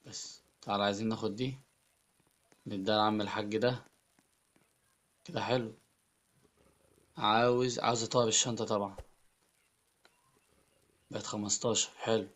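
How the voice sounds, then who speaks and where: A man with an Egyptian Arabic accent giving excitable Let's Play commentary as a gaming YouTuber, often repeating his words. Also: lowish voice, moderate pace, pauses often.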